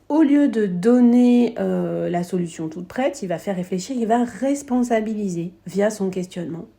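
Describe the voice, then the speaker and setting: A woman's voice: medium pitch, mellow. A woman with a French accent giving a business coaching lesson, explaining ideas with emphasis and acting out short quoted examples.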